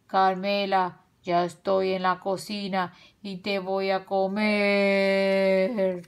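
A woman voicing a greedy, threatening male wolf in a children's story, drawing out his words slowly and loudly. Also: mid-range voice, completely flat delivery, clean tone. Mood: menacing. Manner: slow, drawn-out and loud.

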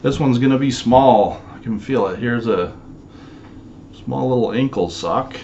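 A forty-something man who resells storage unit contents handles items on camera in his small home office, rambling with frequent fillers in a casual show-and-tell vlog. His medium-pitched voice is warm and a little slow. The audio sounds dull, with a faint hiss or hum.

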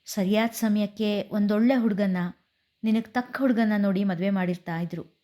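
A woman voicing a hurt young husband who speaks in a low, restrained voice. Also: steady tone, moderate pace, mellow, natural voice. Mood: sorrowful.

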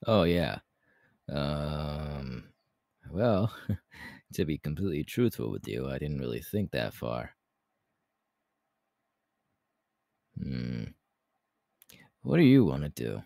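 Very deep, gravelly Hawks, romantic ASMR man acting. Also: big pitch swings, dark tone, dry recording, clean studio sound, heavily acted. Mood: relaxed, playful. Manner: intimate, halting, breathy laughs and sighs. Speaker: voice actor, ASMR artist. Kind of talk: romantic ASMR audio roleplay.

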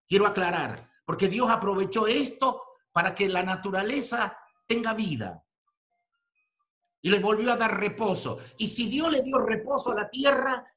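A man in his sixties preaching a sermon to ministers, firing rhetorical questions and swinging between quiet talk and shouting. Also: high-pitched.

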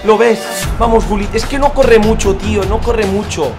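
A young man commentates a football video game, his voice hoarse and fading. He talks high and fast, bursting into shouts at every chance. Soft music plays behind him. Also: fairly even intonation. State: losing his voice. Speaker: gaming YouTuber. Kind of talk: live gameplay commentary.

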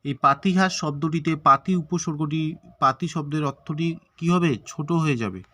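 A man's voice: fairly high pitch, steady tone, moderate pace, sharp tone. A man teaching an exam-prep grammar lesson, asking questions and answering them himself, stretching out syllables to show how words are said. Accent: Bengali.

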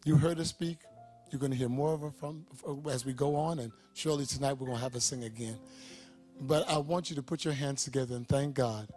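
A man's voice: medium pitch, brisk, dark tone, soft background music. A man, a pastor, hosting a TV talk show interview in a studio with a live audience, speaking with an emphatic preacher's cadence.

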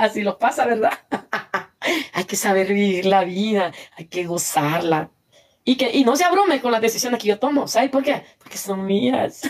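A Salvadoran woman chatting casually on a phone live stream, reading viewer comments, laughing often and thanking viewers. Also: mid-range voice.

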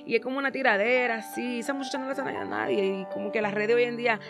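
A hoarse young woman, a music artist being interviewed, talking in a bashful, hedging way with many fillers. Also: a little high, steady tone, rapid-fire. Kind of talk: casual interview chat.

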